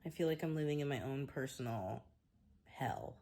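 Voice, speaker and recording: A woman's voice: extremely low pitch, expressive, moderate pace, mellow. A young woman venting in a casual vlog, frazzled, trailing off and restarting as she talks to her camera. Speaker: vlogger.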